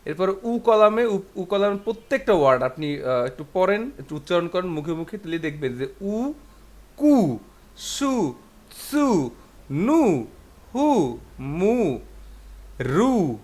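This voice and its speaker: A man's voice: high-pitched, very animated, moderate pace. A man teaching a language class, patiently repeating syllables one by one and asking rhetorical questions. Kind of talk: classroom lesson.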